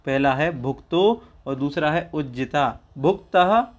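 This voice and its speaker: A man leads a slow, careful recitation lesson, sounding out every syllable and repeating each word again and again. His voice sits a little high for a man, and he takes his time between phrases. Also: lo-fi sound. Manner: patient, repeats each word several times. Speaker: teacher of a Jain scripture.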